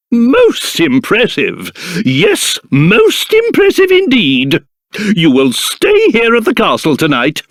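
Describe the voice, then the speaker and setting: A fussy, fatherly old British king from a video game, with a high voice that swoops dramatically. He speaks in pompous, formal phrases at an unhurried pace, full of self-importance. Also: no echo, studio quality, heavily acted. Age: older. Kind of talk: video game character voice acting.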